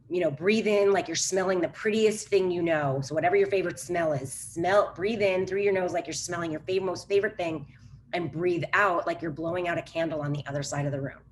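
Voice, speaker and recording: A lowish-voiced woman talks through a webinar on a video call, animated and conversational. She tosses in quick asides and rhetorical questions as she explains things. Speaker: psychologist giving a webinar talk. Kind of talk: informal webinar presentation.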